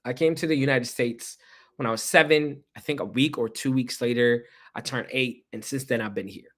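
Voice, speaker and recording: A man's voice: mid-range voice, normal speed, a bit bright. A young man, born in Ethiopia, gives a casual spoken history talk, talking conversationally and asking rhetorical questions. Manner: conversational, repeats himself, asks rhetorical questions. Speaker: history presenter.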